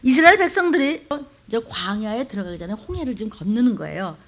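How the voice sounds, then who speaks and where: A woman's voice: a little high, big pitch swings, fast. An older woman pastor preaching a sermon. She acts out the voices of scripture and calls on the congregation to respond.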